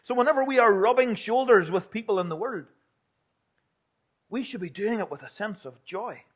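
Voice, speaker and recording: A man's voice: sits high, normal speed. A man with a Northern Irish, Ulster accent delivers a sermon as a preacher, speaking plainly and earnestly and putting questions to his listeners.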